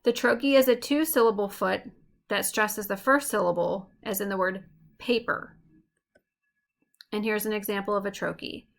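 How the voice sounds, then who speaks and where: Slowing down whenever she taps out rhythms, a woman teacher explains things clearly in a recorded lesson. She speaks at a medium pitch in a steady tone.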